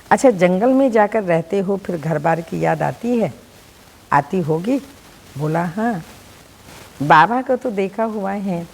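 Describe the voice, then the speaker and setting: Woman w/ hindi accent reading a sermon really slow, lowish voice, echoey hall, hissy tape. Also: vocal fry, a little mellow. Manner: measured, deliberate, explanatory. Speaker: spiritual teacher reading the daily lesson. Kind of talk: slow devotional reading of a spiritual discourse.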